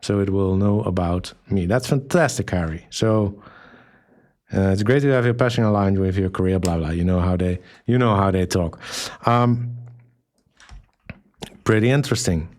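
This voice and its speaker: A man presenting a software tutorial in a relaxed, hesitant way, with many ums and restarts, reading aloud what he types. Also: deep voice, normal speed, long pauses. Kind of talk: screen-recorded software tutorial.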